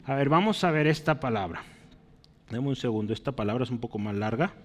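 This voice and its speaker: A man's voice: medium pitch, expressive, brisk. Man preaching in a reverberant hall. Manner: explanatory, often checks understanding with "¿sí?"; addresses listeners as brother. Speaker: preacher teaching a Bible study. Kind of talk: teaching sermon.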